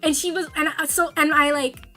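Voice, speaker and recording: High, bright-voiced woman streamer. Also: brisk, faint music behind. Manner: rambling, animated, self-mocking, with sudden cries of frustration. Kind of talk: casual storytelling while gaming.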